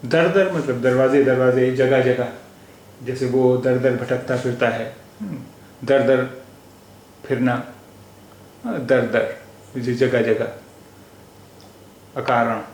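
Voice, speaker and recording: A man teaching a language lesson, spelling out letters and repeating each word slowly and deliberately. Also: mid-range voice, fairly even intonation, darkish tone. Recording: echoey room with faint noise.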